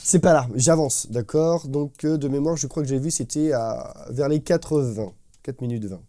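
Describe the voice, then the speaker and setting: Speaking at a moderate pace with a dark, medium-pitched tone, this man runs a laid-back drum lesson. He sounds excited and slangy, vocalizing fills as syllables, and drum music can be heard behind him in the studio.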